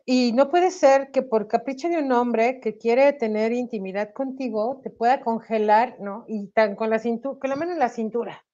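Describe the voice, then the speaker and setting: On a muffled webcam recording, a singer with a Mexican Spanish accent and a voice on the high side talks at normal speed with few pauses. She's in a room at home for a video call interview. Animated, she laughs while speaking and uses tag questions, despite a sore throat and slight cough.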